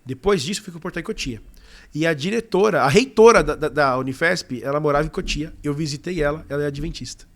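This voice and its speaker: Fast-talking young Brazilian man telling a story. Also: fairly high pitch. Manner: animated, quick storyteller with many fillers. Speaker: podcast guest. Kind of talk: casual storytelling interview.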